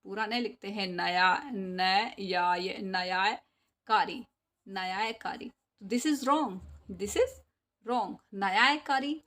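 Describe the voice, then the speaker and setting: A woman teacher who sings a poem, then explains spelling slowly, repeating each word syllable by syllable. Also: medium pitch, a bit bright. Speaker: school teacher.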